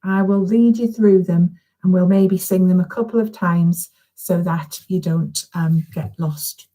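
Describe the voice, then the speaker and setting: Her voice is fairly low and dark, steady in tone and measured in pace, captured on poor audio. She's a children's author giving an informal, chatty live video talk to young schoolchildren from a room at home, encouraging them and frequently checking in with little questions.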